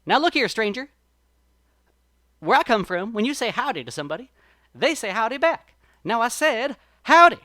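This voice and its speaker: Folktale rabbit, put on by the storyteller: a hot-tempered country fellow, drawling and hollering high, swooping pitch, dry close sound. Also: expressive, moderate pace, few pauses, sharp tone, clear, resonant tone, no echo. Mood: riled.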